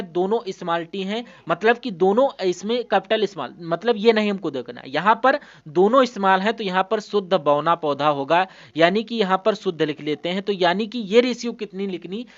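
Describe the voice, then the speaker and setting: A man teaching a biology lesson, explaining patiently and repeating points, often asking a question and then answering it himself, with frequent hesitations and restarts. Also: high voice. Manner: patient, repetitive, asks and answers own questions. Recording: dull lo-fi sound.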